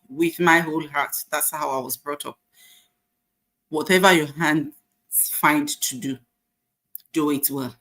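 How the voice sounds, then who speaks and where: In her forties, a Nigerian nurse tells her life story as a casual testimony, full of faith and encouragement and peppered with fillers. Her voice is low and slightly bright.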